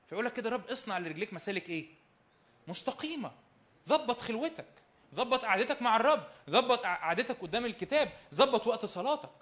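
A male preacher with an Egyptian accent delivers a sermon in a high, bright-toned voice. He talks quickly, hammering phrases again and again. He poses rhetorical questions and swings between raised exhortation and near-hushed asides. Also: animated. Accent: Egyptian Arabic.

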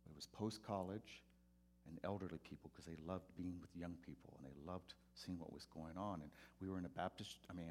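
A pastor delivers a sermon through a personal story, his voice sitting very low. He grows animated and loud as the story builds, and he acts out the voices of the people in it. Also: slight background noise.

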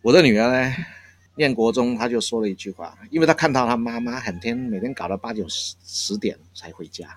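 A man's voice: medium pitch, fairly quick. A man, a café owner telling family stories in a casual interview, chuckling often between phrases. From Taiwan. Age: 60s. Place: countryside coffee shop. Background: faint jazz from shop speakers.

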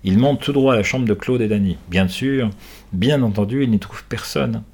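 A man reads a children's adventure novel aloud. His reading is lively, and he shifts his voice to play the different characters. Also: on the low side, moderate pace, husky. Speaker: audiobook reader. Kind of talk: children's book read aloud.

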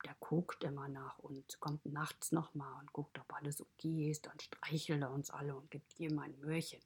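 A woman's voice: low voice, gravelly, dark tone, slightly rough, full character voice. A woman voicing a friendly stable animal who narrates a children's podcast story, chatty and mostly whispered.

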